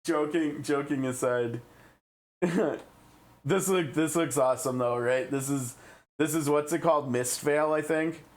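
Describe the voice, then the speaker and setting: A man's voice: a little high, unhurried. A man with a Midwestern American accent, chatting casually on a live game stream and thinking aloud as he reads. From Midwestern United States.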